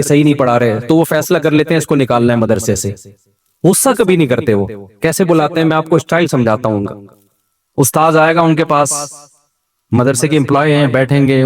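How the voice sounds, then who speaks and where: A man, an Islamic scholar, giving a casual religious talk and acting out the people in his anecdotes. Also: on the high side. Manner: animated storyteller who acts out others' speech.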